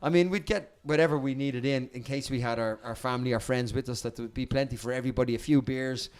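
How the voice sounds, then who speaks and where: A Dublin Irish man, a podcast guest, telling animated stories in casual chat, repeating words and swearing freely. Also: medium pitch, quick pace, smooth. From Dublin, Ireland.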